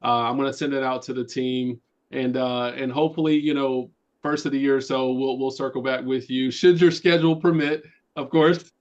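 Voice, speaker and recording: A man's voice: medium pitch, level tone, moderate pace, highs cut off. A man hosting a team video call, thanking a guest in a rambling way with many fillers.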